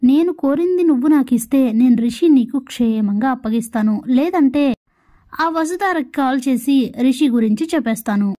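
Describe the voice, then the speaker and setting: A woman's voice: sits high, animated, normal speed, warm tone. A woman voicing a taunting anonymous male kidnapper making demands, in a plain retelling voice.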